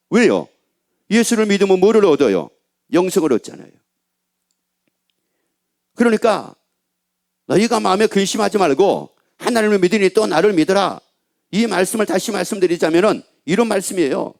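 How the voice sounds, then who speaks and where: A man's voice: sits high, a little mellow. A middle-aged male pastor preaching a sermon, driving his points home with repeated rhetorical questions to the congregation. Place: church pulpit.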